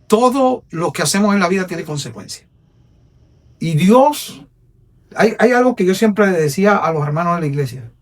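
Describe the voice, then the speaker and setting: A man with a Puerto Rican accent, an evangelist telling his personal testimony on a podcast in an earnest, preacherly way, going from hushed to emphatic. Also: high voice, expressive, moderate pace, recorded from a distance. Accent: Puerto Rican Spanish. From Puerto Rico.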